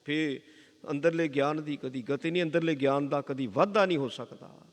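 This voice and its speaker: A man with a Punjabi accent preaches a Sikh sermon, circling back over each point and breaking into chanted scripture lines. His voice is gravelly with a raised pitch. A long reverb carries it through the gurdwara hall. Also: normal speed. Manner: explains scripture with repeated phrases and chanted quotations. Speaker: Sikh preacher giving katha.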